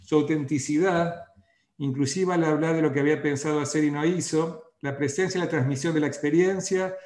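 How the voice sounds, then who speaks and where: A man's voice: a little high, fairly even intonation, a little fast, darkish tone, echoey room. A man hosting an online webinar on a video call, reading out feedback and then explaining a point. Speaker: webinar host.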